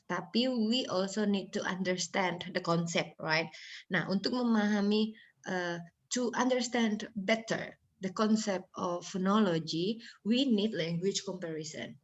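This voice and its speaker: A woman's voice: mid-range voice, unhurried. Woman lecturer, dull audio. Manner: mixes Indonesian with English, demonstrates tones aloud. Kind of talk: online phonology lecture.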